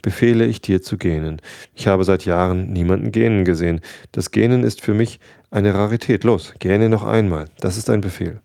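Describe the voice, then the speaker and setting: A man's voice: lowish voice, moderate pace, creaky, mellow, no room sound, studio quality. A man doing a pompous, commanding king. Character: pompous old king, absolute ruler.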